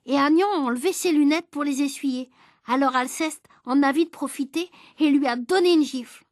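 A woman reads a children's storybook aloud with a high, clear voice and lively, even pacing. The sound is dry and close, with no room around it. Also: moderate pace, no echo. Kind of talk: storybook reading.

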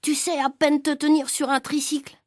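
A woman voicing a proud, boastful father who squabbles with his neighbor, speaking lower and softer than her own narration. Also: level tone, normal speed, no echo, clean studio sound, natural voice. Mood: boastful, bickering. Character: boastful middle-aged dad, proud and quick to bicker.

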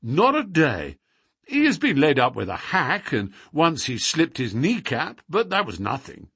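A man playing an earnest, respectful young gentleman who is loyal and plain-spoken. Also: on the high side, huge pitch swings, unhurried, breathy edge, dry recording, pitched above the performer's own voice, full character voice. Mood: assured.

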